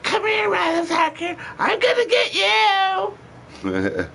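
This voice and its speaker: A man's voice: very high-pitched, wildly swooping pitch, takes it slowly, gravelly, pushed and bright, a little hiss or hum, voice pushed up, exaggerated voice. A man putting on a drunk, furious woman who screeches curses and threats. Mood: furious shrieking. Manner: screeching, cursing wildly.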